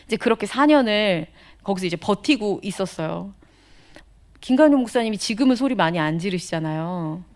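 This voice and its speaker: Woman giving a lively spoken testimony. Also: mid-range voice, a little fast. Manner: conversational, animated storytelling with whispered asides. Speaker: missionary speaker. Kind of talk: testimony sermon.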